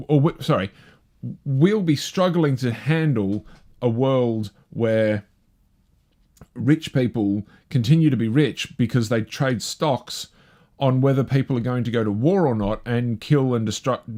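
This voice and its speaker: A man's voice: medium pitch, a little mellow. A man hosting a live show in casual chat, with a rambling, chatty, self-deprecating delivery. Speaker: host.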